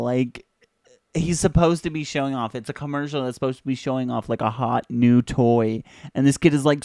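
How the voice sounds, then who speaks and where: A man's voice: mid-range voice, a little mellow, dry recording, studio quality. A young man hosting a video, casually and sarcastically commenting on an old commercial, chatty and joking. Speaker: video host.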